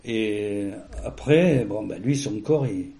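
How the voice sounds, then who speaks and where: A man with a warm, mellow voice speaks in a casual, conversational way, as if sharing memories with an interviewer. His speech rambles, full of fillers and restarts. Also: fairly low pitch, lively intonation, takes it slowly, gravelly. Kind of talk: casual personal storytelling.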